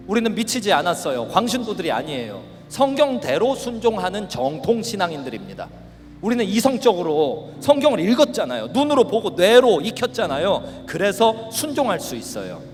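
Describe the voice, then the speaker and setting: A middle-aged male pastor preaching at a youth camp, animated and shouting at the peaks. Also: high voice. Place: large worship hall. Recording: reverberant hall with faint music.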